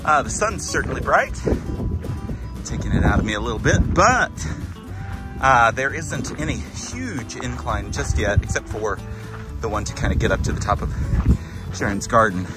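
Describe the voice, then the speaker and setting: A man with a dark, gritty, gravelly voice talks casually and wryly as he narrates a hike outdoors. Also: mid-range voice, animated, normal speed, pauses often, over loud music, rough recording. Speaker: hiking vlogger. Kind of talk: casual unscripted trail narration to camera. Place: outdoors on a rocky desert trail.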